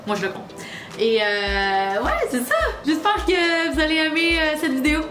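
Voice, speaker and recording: A woman's voice: sits high, moderate pace. A woman in her twenties from Quebec with a Québécois accent, chatting casually to camera as a travel vlogger. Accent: Québécois French. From Quebec, Canada. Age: 20s. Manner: chatty and relaxed, loose colloquial speech. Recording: echoey room with music behind.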